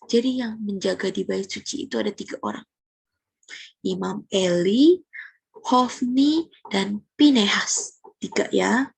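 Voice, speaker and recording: A young woman Sunday school teacher telling a Bible story to children, animated, asking them questions and sometimes dropping to a whisper. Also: medium pitch, a little slow, creaky, long pauses, husky, no room sound.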